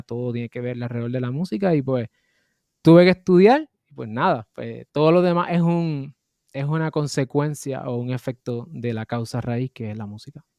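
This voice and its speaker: A Puerto Rican man in his thirties speaks in a measured, reflective way as an interview guest. His voice is mellow and warm, recorded dry and close. He often pauses and fills gaps with small hesitations. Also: medium pitch, clean tone, no echo, dull audio. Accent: Puerto Rican Spanish. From Puerto Rico. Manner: thoughtful, measured, with frequent fillers. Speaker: interview guest, music lawyer and entrepreneur.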